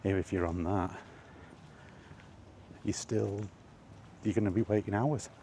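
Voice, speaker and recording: A male vlogger walking outdoors under trees rambles casually with a wry, grumbly edge. His voice is lowish and mellow, fairly even in intonation and a little slow, while faint outdoor ambience carries through the recording.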